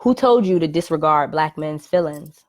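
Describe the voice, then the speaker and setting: This podcast host has a low voice and an animated delivery at a moderate pace, chatting casually on a live video stream from home. She leans on "right?" and "um" throughout, and the sound comes through a computer or phone mic.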